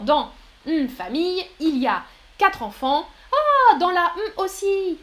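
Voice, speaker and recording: A woman's voice: high voice, fairly bright tone. A woman teaching French on a live stream, patiently explaining grammar with examples and often praising viewers' answers. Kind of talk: live-stream language lesson answering chat.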